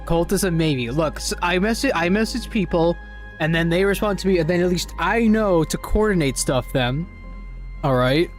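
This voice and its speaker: A man hosting a gaming stream in relaxed chat with friends, laughing often and swearing casually. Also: high-pitched, moderate pace. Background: music.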